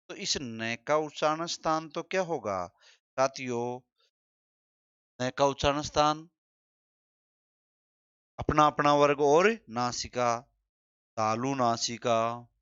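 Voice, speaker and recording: A man's voice: medium pitch, fairly bright tone, smooth, no echo. A man teaching a Hindi grammar lesson, repeating key terms and quizzing his listeners. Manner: drawn-out, deliberate delivery. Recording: slightly dull, dry sound.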